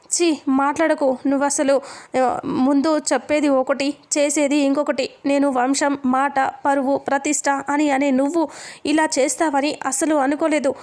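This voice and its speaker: Woman doing angry young man, high narrow delivery. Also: little pitch movement, a little slow, a little mellow. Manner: retold plainly in the narrator's own voice. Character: furious young man confronting an elder.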